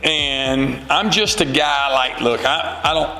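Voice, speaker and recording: A man in his forties, a high school football coach, answering interview questions in an earnest, rambling way with many fillers. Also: slow pace, gravelly, bright, forceful tone, in a large hall, poor audio. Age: 40s.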